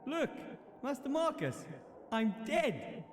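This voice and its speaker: Ghost gnome guy thinking out loud, high bouncy voice, echoey and noisy. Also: very animated, slow, heavily acted. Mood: musing. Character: a young male gnome as a ghost, chatty and upbeat. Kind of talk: video game voice acting.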